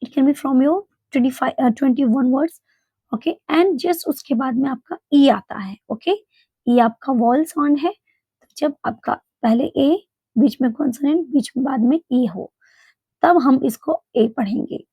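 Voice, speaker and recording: A woman teaching English pronunciation in a spoken English lesson, explaining slowly and repeating example words. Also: high voice, warm tone, slightly rough, dry recording. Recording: dull, dry, lo-fi home recording.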